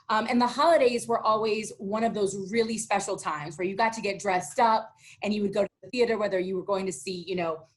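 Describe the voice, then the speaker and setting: A woman radio host chatting casually and warmly in an interview, full of fillers and enthusiasm. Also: mid-range voice.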